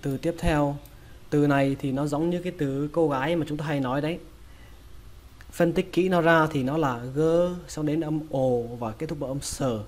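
A man with a Vietnamese accent teaching English pronunciation, breaking each word into sounds and repeating it slowly. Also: on the high side, darkish tone. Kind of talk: slow, drilled pronunciation lesson.

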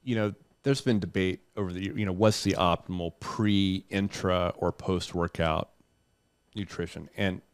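A man's voice: low voice, steady tone, moderate pace, clean tone, dry recording. A middle-aged man, a doctor and co-host, explaining health topics casually in a podcast chat, thinking aloud with fillers.

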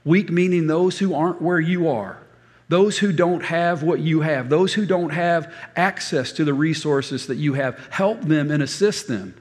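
Guy pastor giving a sermon, slightly high voice, tells stories and does little voices, big church reverb. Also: unhurried, a little mellow. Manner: storytelling, acts out quoted voices. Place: church hall.

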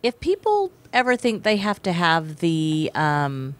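A woman in her forties, an actress and playwright, is a guest in casual interview chat in a small studio, holding a handheld microphone. Her voice is on the low side and a little slow, and she's animated, gesturing as she talks.

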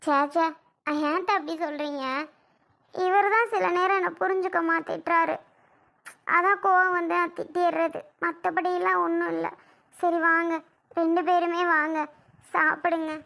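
A woman acts out a timid young wife in a home-made family drama. Her voice is very high and bright, and she speaks in an earnest, apologetic way. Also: little pitch movement, normal speed, vocal fry, pauses often, full character voice. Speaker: daughter-in-law. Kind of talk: family skit acting.

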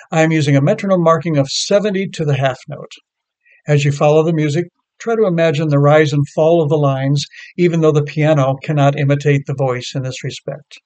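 A man reading a scripted lecture that explains choral music, in a measured, explanatory way. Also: fairly high pitch, darkish tone.

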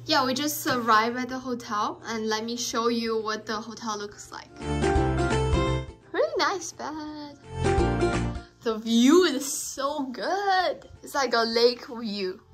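A woman's voice: on the high side, expressive. A young woman narrating a casual travel vlog into a phone held at arm's length, cheerfully describing the places she visits. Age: young adult. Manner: slow, cheerful commentary to the camera. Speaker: vlogger. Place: in a car and outdoors on a trip. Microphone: phone camera at arm's length. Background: background music.

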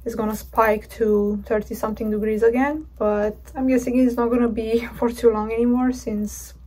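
A woman's voice: on the high side, little pitch movement, normal speed, mellow. A woman vlogging in a casual, chatty way, gushing and rambling with fillers as she talks through her day. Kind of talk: casual vlog chat. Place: city streets, cafes and home. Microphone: phone camera. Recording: noisy street ambience with traffic. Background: street noise and vehicles.

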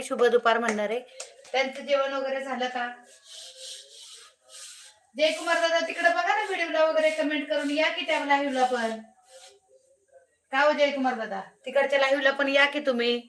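A woman's voice: high voice, a bit bright, far from the mic. A woman hosting a casual live stream from her home kitchen, teasing and calling out to viewers by name. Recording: echoey room, faint background noise.

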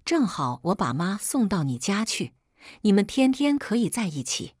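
A woman reading a story, voicing a calm, composed husband. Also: medium pitch, normal speed, no echo, studio quality. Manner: calm, steady.

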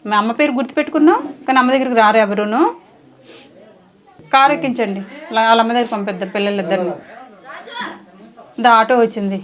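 A woman hosting an interview, coaxing a child with soft, repeated questions. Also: fairly high pitch, fast talker, pauses often, a faint crowd. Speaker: host. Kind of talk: casual interview.

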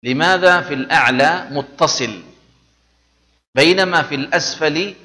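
معلم لغة عربية يشرح القواعد خطوة بخطوة، يطرح الأسئلة على طلابه ثم يجيب عنها بنفسه. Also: male voice, a little high, moderate pace, bright, forceful tone, long reverb tail. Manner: explains step by step, asks the class questions and answers them. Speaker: Arabic teacher. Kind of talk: classroom language lesson.

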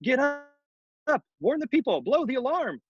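A man voicing a breathless, urgent young boy with high shouted cries. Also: very animated, normal speed, husky, no room sound, heavily acted. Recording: dull lo-fi video call audio.

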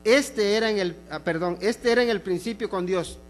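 A man preaching a sermon in a church, emphatic, slowing on key phrases and dropping to soft asides. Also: high voice, soft background music. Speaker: pastor. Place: church sanctuary.

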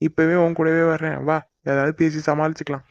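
A man's voice: on the high side, flat delivery, brisk, no echo, lo-fi sound, natural voice. A man voicing a young man in a cartoon who worries a lot and grumbles at his friend in exasperated banter. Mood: grumbling, fretful. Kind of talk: cartoon voice acting.

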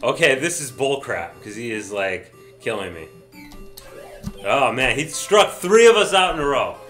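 A man giving loose, tipsy commentary on a baseball video game, his voice bright and forceful with a very lively, jumpy pitch. He cheers, groans and mutters mild curses at the players. Faint guitar music plays softly behind him. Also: measured pace. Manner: excitable, swears mildly, yells at the game. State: says he is drunk. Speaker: let's play gamer.

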